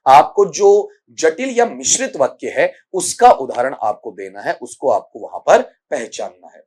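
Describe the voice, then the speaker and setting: A man with a slightly high, darkish voice and a Rajasthani accent gives an exam-prep lecture on English grammar. He explains things step by step, asks his students questions, and calls them "beta."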